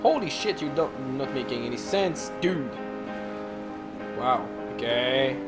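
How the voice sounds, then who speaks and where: A man giving casual, sarcastic gameplay commentary, swearing and reacting as he plays, over loud game music. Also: medium pitch, expressive, slow. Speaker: gamer playing through a game.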